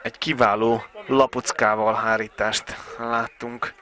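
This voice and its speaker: A man giving excited, partisan live football commentary for a local match, cheering on the home side. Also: on the low side.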